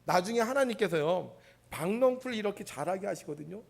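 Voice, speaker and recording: A male pastor preaching a sermon, with dramatic pauses and rhetorical questions to the congregation. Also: high-pitched, expressive, gravelly.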